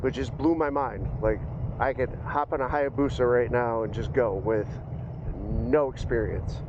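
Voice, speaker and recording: A man's voice: mid-range voice, steady tone, a little slow. A man tells a story in a laid-back, rambling, conversational way as a motorcycle vlogger, talking inside a helmet as he rides. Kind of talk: casual storytelling motovlog while riding. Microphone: microphone inside a motorcycle helmet. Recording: muffled helmet mic, loud wind and engine.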